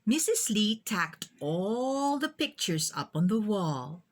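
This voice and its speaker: Reading from a children's picture book, this storyteller speaks with a mid-range female voice, her delivery deliberate and full of expression.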